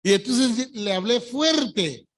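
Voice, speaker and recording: An older man preaching a church sermon as pastor, stressing words and drawing key phrases out slowly. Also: extremely high pitch, lively intonation, a bit bright. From Colombia. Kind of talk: evangelical sermon. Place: church service.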